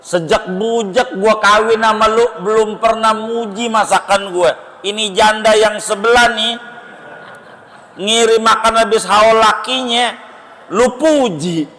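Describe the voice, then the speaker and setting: A man's voice: high-pitched, fairly even intonation, slow, sharp tone, big-room sound, voice pushed up, heavily acted. A man voicing an indignant wife who scolds her husband. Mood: scolding. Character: nagging middle-aged wife scolding husband.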